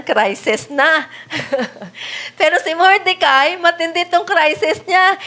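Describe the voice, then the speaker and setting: A woman with a high voice preaching a sermon to her congregation. She keeps turning to the listeners with rhetorical questions and switches into English when she reads the Bible verses aloud. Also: fairly bright tone.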